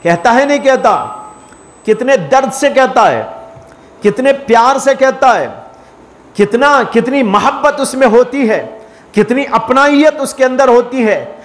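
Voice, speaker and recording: A man preaching a sermon as a mufti, earnest and repetitive, teaching through parables and rhetorical questions. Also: very high-pitched. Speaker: mufti giving a spiritual talk.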